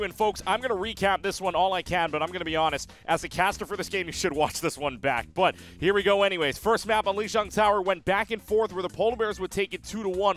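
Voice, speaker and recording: A man hosting an esports highlights show, recapping matches with upbeat, quick delivery and playful asides. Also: fairly bright tone. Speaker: host.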